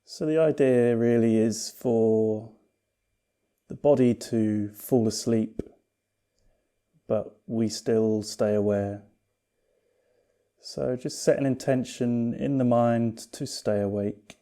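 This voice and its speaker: This is a man's medium-pitched voice as he guides a yoga meditation as its teacher. He stays calm and unhurried, soothing and gently reassuring throughout.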